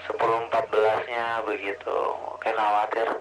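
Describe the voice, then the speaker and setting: A man's voice: on the low side, little pitch movement, normal speed. A man who operates an amateur radio, chatting in clipped call-sign codes and signing off each turn with "over", heard through a two-way radio transmission. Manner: clipped, ends turns with "over". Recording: hissy radio transmission, sometimes distant.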